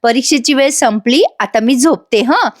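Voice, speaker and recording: A woman's voice: sits high, normal speed, no room sound, clean studio sound. A woman doing an exasperated young wife. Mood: annoyed.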